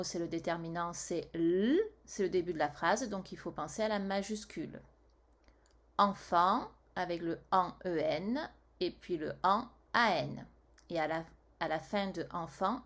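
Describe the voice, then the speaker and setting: A woman teacher giving a slow dictation lesson to young children, reading the sentence word by word and adding spelling reminders. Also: lowish voice.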